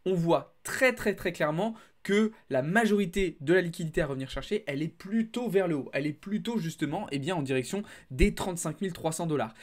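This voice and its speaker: Guy with a pretty high voice and a bit of a lispy s, walking viewers through market stuff. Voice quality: slight lisp on s sounds. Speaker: crypto trading video host. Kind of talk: explanatory market commentary to viewers.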